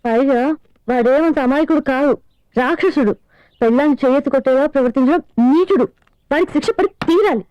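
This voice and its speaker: Female actor as a teasing young woman lawyer, high voice, faint music behind. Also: dull audio, close to an everyday voice. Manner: teasing, quick-witted. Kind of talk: film dialogue.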